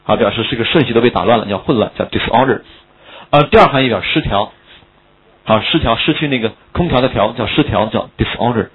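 A man's voice: mid-range voice, slightly rough, phone-quality sound. A man teaching English vocabulary in a classroom lecture, joking and asking his students questions. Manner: quick, joking, asks students questions often.

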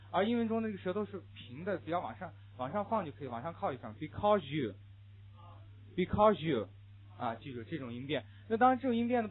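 A slightly higher-pitched man with a husky voice lectures a classroom on pronunciation, leading students through phrases to repeat after him. The recording is thin and phone-like, muffled and lo-fi. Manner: explains patiently, drills phrases for students to repeat. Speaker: English teacher.

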